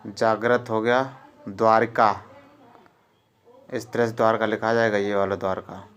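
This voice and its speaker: This male teacher speaks with a lowish, level, clean voice that's a touch bright and a little slow. His exam-prep spelling session has him repeating every word and quizzing students to drill them.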